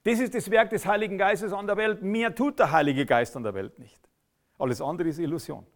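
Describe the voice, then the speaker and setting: A man preaching a sermon, emphatic, swinging from loud outbursts to quiet intensity. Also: high-pitched, a little fast.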